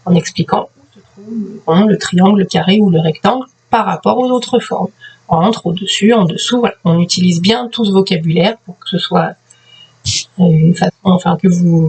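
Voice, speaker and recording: A woman teacher with a French accent, calmly explaining class activities step by step for young pupils at home, pausing often to find her words. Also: medium pitch, slightly rough, poor audio. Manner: patient, explains step by step with frequent hesitations. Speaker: preschool teacher. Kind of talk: instructions for remote class activities.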